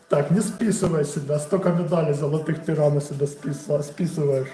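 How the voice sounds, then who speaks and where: This forties-aged man, a boxing coach with a Ukrainian accent, is streaming live from his home and answering chat questions casually and warmly as they come in. He speaks at a normal speed with a fairly high, mellow voice and fairly even intonation. The rough recording is reverberant, and soft music plays behind him.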